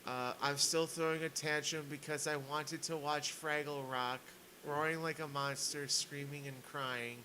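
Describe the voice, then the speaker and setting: A man's voice: a little high, level tone, a little slow, pushed and bright, slight background noise, low-quality recording. A man streaming a ranting commentary, reading posts aloud in a sarcastic, mocking way.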